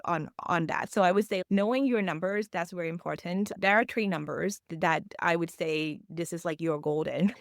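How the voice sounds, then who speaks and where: A woman's voice: fairly low pitch, no echo, studio quality. A woman, explaining earnestly as a financial coach in a podcast interview, with phrasing. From Thailand.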